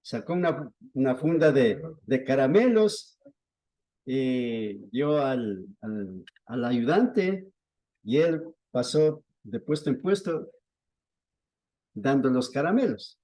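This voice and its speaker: A man preaching a sermon to a small congregation, telling stories slowly and deliberately. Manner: slow, deliberate storytelling with lively pitch swings.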